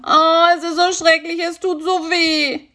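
A high, wailing voice for a big male spider who moans and complains, put on by a woman reading a storybook aloud, with a gravelly edge. He whimpers and jammers in a pitched-up tone. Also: lively intonation, unhurried, a bit bright, heavily acted. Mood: jammering. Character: whiny male cross spider with toothache.

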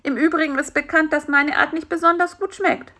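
A woman's voice: high-pitched, steady tone, sharp tone, voice pushed up. A woman playing a flustered beetle courier. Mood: prim. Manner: quick, flustered and prim. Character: flustered, fussy male beetle delivery man. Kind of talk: children's audiobook voice acting.

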